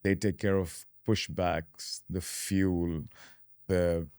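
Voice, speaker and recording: A man from Dubai in his thirties, a podcast guest talking casually and explaining his path with relaxed fillers. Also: low-pitched, drawn-out words, clean tone, no room sound, clean studio sound. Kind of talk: casual interview.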